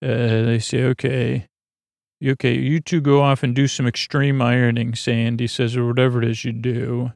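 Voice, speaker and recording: A man hosting a sleep podcast, recapping a show in a meandering, halting way with many fillers and restarts. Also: mid-range voice, little pitch movement, gravelly, darkish tone, no echo, studio quality. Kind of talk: rambling bedtime recap.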